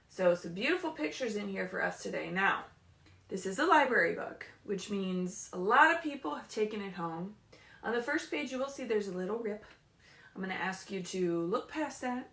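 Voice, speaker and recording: On a roomy, echoey livestream from home, a librarian with a slightly high voice runs story time for little kids. She keeps it lively and encouraging, regularly asking the children questions.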